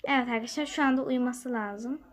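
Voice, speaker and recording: A young woman hosting a gaming channel, chatting to her viewers as she plays, moving from hushed whispers to loud, excited calls. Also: a little high, fast. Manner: lively, talks to viewers, jumps between loud excitement and quiet whispers. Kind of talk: chatty gameplay commentary.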